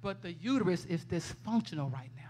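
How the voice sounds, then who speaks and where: A woman, preaching a lively, laughing testimony in a church. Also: fairly low pitch, a little fast, slight background noise. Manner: animated, laughing storyteller, conversational. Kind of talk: testimony sermon. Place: church sanctuary.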